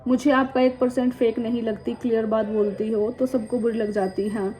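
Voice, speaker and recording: A woman's voice: fairly high pitch, little pitch movement, moderate pace, warm tone. A woman in her twenties chatting casually in a vlog, reading viewer comments aloud and frankly answering back, mixing English words into her talk. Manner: mixes Hindi with English words and phrases. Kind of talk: casual chat. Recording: dull, slightly muffled sound with faint background noise.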